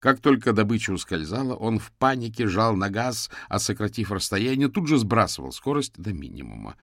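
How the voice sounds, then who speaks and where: A man reads an audiobook thriller in a very deep, low voice. The delivery is even and scripted, and the sound is dry and close to the mic. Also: fairly quick, no echo. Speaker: audiobook narrator. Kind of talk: scripted narration.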